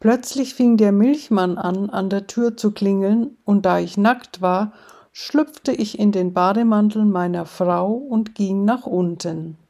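A woman's voice: mid-range voice, measured pace, dark tone. A woman reading as Zabriskie, a baffled bar regular. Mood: puzzled. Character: man telling a bar story, bewildered.

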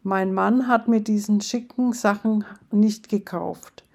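A woman's voice: medium pitch, fairly even intonation, slow pace, creaky, darkish tone. A woman voicing a bragging wife showing off over morning coffee with friends. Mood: boastful.

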